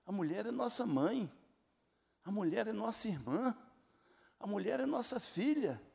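An older male preacher with a fairly high voice delivers an emphatic sermon. He tells stories and acts out the voices of the people in them. His words ring out with a long reverb from a large hall. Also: very animated, unhurried, creaky, a little mellow, breathy edge. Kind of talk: sermon with storytelling.

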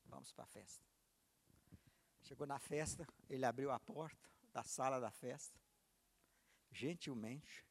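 A man's voice: mid-range voice, a little slow, slightly rough, big-room sound. A man preaching a sermon, telling a personal story and acting out its dialogue with big swings in voice and volume. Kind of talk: sermon with acted testimony.

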